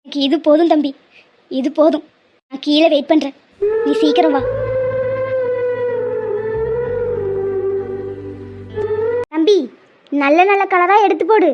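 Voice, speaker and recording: A woman's voice: sits high, steady tone, moderate pace, a little mellow, close to an everyday voice. A woman voicing a stubborn, emotional middle-aged cartoon mother who pleads and guilt-trips. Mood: tearful demanding. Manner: pleading, melodramatic, guilt-tripping. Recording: muffled lo-fi audio.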